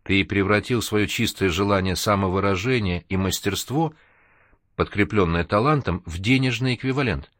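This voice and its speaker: A man's voice: on the low side, normal speed, a bit bright, no room sound, clean studio sound. A man reading an audiobook, voicing a serious, sincere male mentor with a stern manner.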